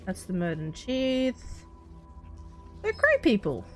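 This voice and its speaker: A woman's voice: on the high side, wildly swooping pitch, slow pace, soft background music. A woman hosting a let's play, reading out the game's text and chatting about her choices as she plays. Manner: chatty, reacts aloud while playing. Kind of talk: reading game text aloud and commenting.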